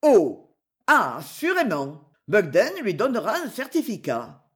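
A woman's voice: medium pitch, huge pitch swings, unhurried. A woman putting on a curt young errand boy. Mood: offhand. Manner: curt and offhand. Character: brisk young male errand runner.

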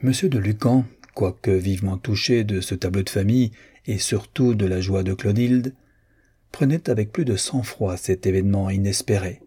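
A man narrating a classic novel in a steady, even storytelling voice. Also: lowish voice, husky. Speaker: audiobook narrator.

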